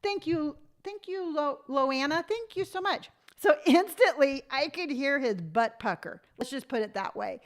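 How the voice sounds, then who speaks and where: A woman's voice: high-pitched, expressive, unhurried, hardly any pauses. A woman in her late fifties chatting on a live stream, reading viewer comments aloud and telling stories with emphatic conviction. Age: 50s. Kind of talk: casual live-stream chat.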